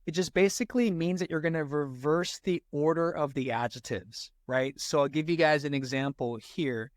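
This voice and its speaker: A man's voice: a little high, normal speed, dry recording, clean studio sound. A man teaching an SAT grammar lesson, talking straight to his viewers and checking in with them constantly. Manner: talks straight to viewers with frequent "right?" checks. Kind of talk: explaining grammar to students.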